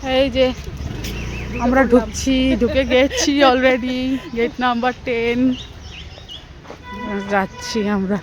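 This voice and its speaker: A woman's voice: high voice, steady tone, takes it slowly, pauses often, crowd noise. A woman in her thirties from West Bengal, vlogging casually as she walks outdoors with friends by a lake, filming on a handheld phone. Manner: chatty, narrating the outing as she walks. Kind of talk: casual vlog narration.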